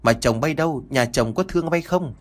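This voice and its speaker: A man's voice: medium pitch, brisk, close to an everyday voice. A man voicing a chatty old country mother. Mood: fussing. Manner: chatty, fussing.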